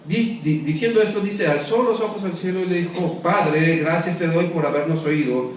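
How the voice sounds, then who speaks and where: A man's voice: a little high, normal speed, a little hiss or hum. Man preaching in an echoey church. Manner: conversational preaching, rhetorical questions and answers. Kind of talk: sermon. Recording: echoey church hall, mic at a distance.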